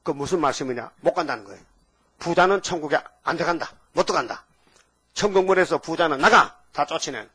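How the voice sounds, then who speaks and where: Emphatic preacher with lively pitch swings. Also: male voice, fast, husky. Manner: emphatic, questioning the congregation, swinging between loud outbursts and low asides. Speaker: pastor. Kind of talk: sermon.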